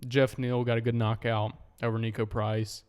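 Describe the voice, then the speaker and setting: Young man with a smooth, echoey voice. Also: medium pitch, little pitch movement, moderate pace, a little mellow. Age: 20s. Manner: easygoing, leads the rundown with frequent ums. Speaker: podcast co-host. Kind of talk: casual chat.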